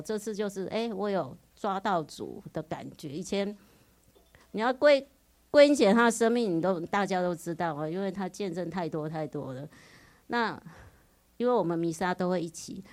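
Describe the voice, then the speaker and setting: A woman's voice: fairly low pitch, a little mellow. A woman in her forties with a Taiwanese Mandarin accent, giving an earnest, emotional personal religious testimony at a retreat, full of interjections.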